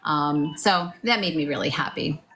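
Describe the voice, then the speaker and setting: A woman with a slightly low voice co-hosts a live online talk show. She chats casually and encouragingly, addressing her listeners directly. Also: normal speed, pushed and bright, slight background noise.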